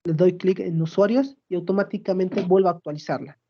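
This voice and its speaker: A woman's voice: on the low side, brisk, dark tone, muffled recording. A woman explaining a database app step by step in a screen-recorded demo, checking in with her audience as she goes. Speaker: student presenting a project.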